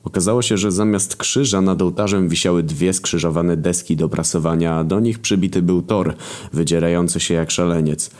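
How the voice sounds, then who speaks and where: A man narrating a dark first-person story in an even, steady reading. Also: deep voice, moderate pace.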